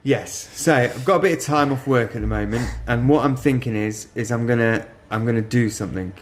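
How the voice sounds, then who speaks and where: A man's voice: mid-range voice, fairly quick. A middle-aged man, chatting casually with a co-host in a pub, laughing often and swearing freely. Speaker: podcast co-host. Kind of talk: casual chat.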